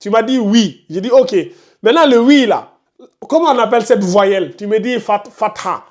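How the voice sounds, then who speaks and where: A man teaches a recitation class in a high voice for a man. He keeps pressing his point and goes over each step again and again. He scolds the students who lose track. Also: normal speed. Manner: insistent, repeats explanations step by step, scolds students. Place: classroom with a board.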